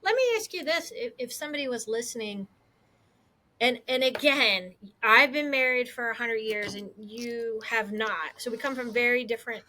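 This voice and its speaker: A middle-aged woman co-hosting a casual talk show, chatty and quick to laugh, asking probing questions. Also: fairly high pitch, bright, forceful tone. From Eastern Shore, US. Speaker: podcast co-host. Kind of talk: casual chat.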